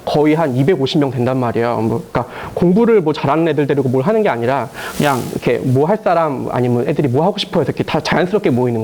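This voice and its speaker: A man who works as a teacher, telling lively stories to an audience with lots of fillers and laughter. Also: on the high side. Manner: animated storytelling with frequent fillers and laughs. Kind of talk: casual talk to a live audience.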